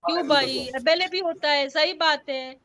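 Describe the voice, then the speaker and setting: A woman's voice: high voice, moderate pace, a loud crowd. A woman teaching a law class, mixing English terms into her explanations and quizzing her students. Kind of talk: online law lecture.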